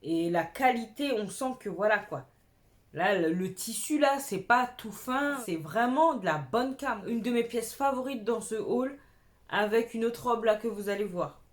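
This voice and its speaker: In a relaxed clothing haul, a young fashion vlogger excitedly displays her thrifted finds, sprinkling in slang. She speaks at a measured pace with a fairly high, animated voice.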